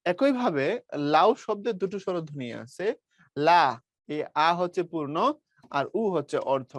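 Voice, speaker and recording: In a clean, dry studio recording with no room sound, a young man from Bangladesh teaches an online class. He has a Brahmanbaria-flavored Bengali accent and a highish, animated voice at normal speed, and he explains step by step, calls his students "brother," and says sounds aloud for them to copy.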